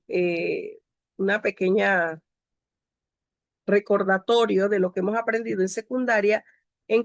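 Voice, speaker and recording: A woman's voice: mid-range voice, dry recording, studio quality. Woman teacher giving an online lecture. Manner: explains step by step, cues slides with "siguiente". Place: home. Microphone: video call.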